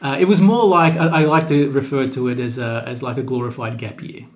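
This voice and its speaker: Brisk and fairly even in intonation, a medium-pitched Australian pastor chats easygoingly on a podcast. He keeps restarting as he goes, but stays friendly throughout the casual interview.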